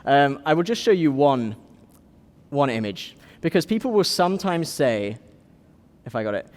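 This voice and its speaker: Man, keynote speaker at a youth event, pitched a touch high, dry asides, big echoing hall. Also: very animated, moderate pace. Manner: explanatory with dry jokes aside. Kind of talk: conference keynote speech. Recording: hall reverb.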